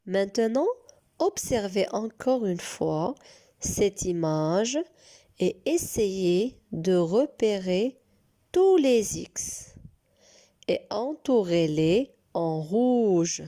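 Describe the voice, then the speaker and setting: Woman, preschool teacher, very slow, mellow, encouraging. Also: mid-range voice, lively intonation. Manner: slow, drawn-out and encouraging, praising often. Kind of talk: recorded reading lesson for young children.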